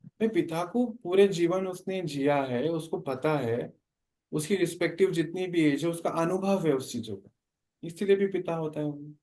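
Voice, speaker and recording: A man leads a spiritual class, his voice pitched slightly high. He explains patiently and keeps turning questions back to his listeners. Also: moderate pace, mellow. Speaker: spiritual teacher.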